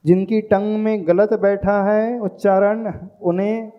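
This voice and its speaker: Man, monk-teacher, slightly raised pitch, unhurried patient drilling of recitation, muffled low-fi sound. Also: little pitch movement, smooth. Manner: patient, drills pronunciation syllable by syllable. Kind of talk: slow recitation lesson with chanted verses.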